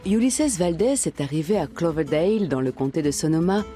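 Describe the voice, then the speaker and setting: A woman reading scripted documentary narration in a measured, even way. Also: fairly low pitch, soft background music.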